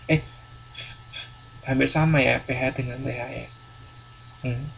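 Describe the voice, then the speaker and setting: A man's voice: mid-range voice, fairly even intonation, unhurried, vocal fry. A male university lecturer teaching a class, explaining patiently and repeating words with many fillers. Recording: dull lo-fi classroom recording, faint noise.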